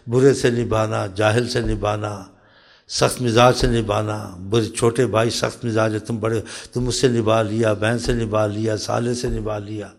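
This man delivers a storytelling sermon at medium pitch, addressing his listeners directly with rhetorical questions and frequent soft, quiet asides. A long hall reverb trails his words.

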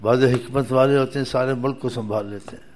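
A man's voice: medium pitch, steady tone, darkish tone. A man preaching a storytelling sermon in a folksy way, chuckling at times and rising to emphatic exhortation.

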